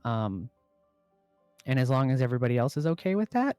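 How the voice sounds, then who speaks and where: A man runs a tabletop session in an unhurried, filler-laden manner. His mid-range voice sits dry and close, with quiet music in the background. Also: mid-range voice, clear, resonant tone, dry recording. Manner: relaxed, filler-heavy narration. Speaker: game master. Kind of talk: running a tabletop game over voice chat.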